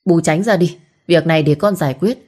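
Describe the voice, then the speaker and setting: A woman voicing a furious, jealous young village woman who spits out fast accusations in a storybook reading. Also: on the low side, a little mellow, close to an everyday voice.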